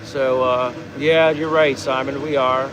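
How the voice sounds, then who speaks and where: Against background noise, an American man speaks at a measured pace in a steady, mid-range voice. He's hosting a laid-back vlog, chatting like on a casual livestream and meandering comfortably as he reads viewer comments aloud.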